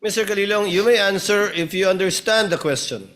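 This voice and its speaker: Male presiding officer, fairly high voice, polite, firm, halting rulings in a courtroom. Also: background noise.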